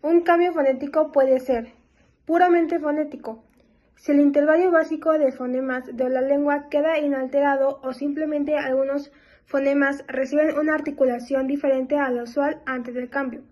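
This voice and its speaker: A woman giving a class presentation, pausing with frequent fillers between phrases. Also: high voice, steady tone, darkish tone, highs cut off. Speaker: student presenter.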